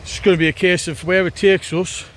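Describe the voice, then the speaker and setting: A man's voice: sits high, little pitch movement, fast, a bit bright. Wry man chatting outdoors, noisy recording. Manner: wry, laid-back, sweary. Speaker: hiking vlogger. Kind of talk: casual chat to camera while hiking. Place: outdoors on a wet, windy hiking trail.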